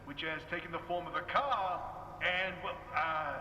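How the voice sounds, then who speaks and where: A hesitant, officious official on an emergency broadcast. His voice is high and bright, heard from far off in a long-ringing space. Faint noise lies behind. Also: normal speed, reverberant, long reverb tail, lo-fi sound. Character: fussy male official on a broadcast.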